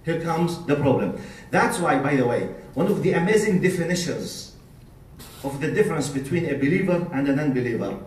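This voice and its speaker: A man's voice: on the high side, animated, a little fast, a little mellow, a little hiss or hum. A man with a Jordanian Arabic accent, a native Arabic speaker, gives an emphatic Islamic lecture to a live audience, punctuating it with rhetorical questions and short checking tags. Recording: echoey, picked up from a distance.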